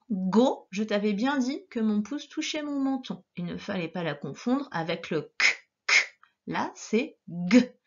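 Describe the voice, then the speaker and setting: Woman teacher sounding out syllables for little kids, slow careful delivery, kinda husky, muffled recording. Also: medium pitch. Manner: slow, clearly articulated syllables with gestures. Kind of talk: dictation lesson for young children.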